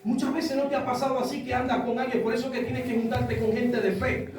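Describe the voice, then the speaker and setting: A man with an Argentine accent preaching a sermon, impassioned and rising to shouts, telling stories to his congregation. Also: very high voice, little pitch movement, brisk, slight background noise. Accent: Argentine Spanish. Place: church hall with congregation. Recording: echoey church, mic far off.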